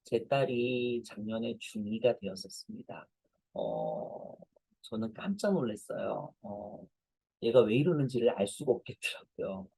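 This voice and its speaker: Middle-aged guy lecturing parents, gravelly dark voice, chatty storytelling style. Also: medium pitch, huge pitch swings, a little slow, dry recording, low-quality recording. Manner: anecdotal, self-deprecating storytelling to parents. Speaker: professor giving a parent lecture. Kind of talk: conversational lecture.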